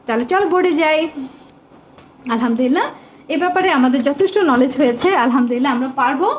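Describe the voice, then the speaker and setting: A woman teacher giving a live online English lesson, patiently repeating questions and drawing out English words slowly. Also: sits high, a little hiss or hum.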